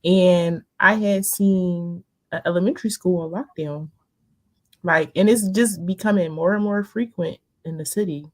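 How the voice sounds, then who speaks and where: A woman guest on a podcast, telling a story in a relaxed, casual way. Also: fairly low pitch, unhurried.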